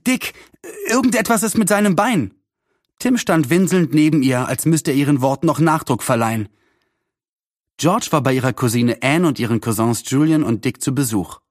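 A man narrating a children's audiobook in an expressive, scripted way. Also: mid-range voice, normal speed, no room sound, studio quality.

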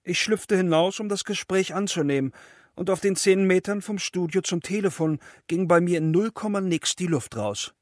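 A man reading an audiobook, telling his story in a lively, self-mocking way on a close studio mic. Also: high voice, moderate pace, no room sound. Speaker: audiobook narrator. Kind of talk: scripted audiobook narration.

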